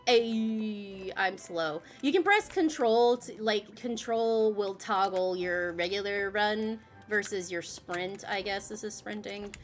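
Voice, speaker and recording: A woman's voice: medium pitch, slow, hardly any pauses, soft background music. A woman giving casual let's-play commentary, rambling and chatty with lots of self-correcting asides. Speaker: let's player.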